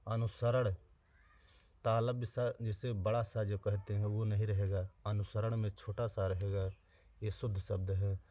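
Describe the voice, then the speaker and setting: A man teaching an exam-prep spelling lesson, speaking straight to his students and slowly repeating each word to spell it out. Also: on the low side, level tone, dark tone. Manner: plain direct address to students.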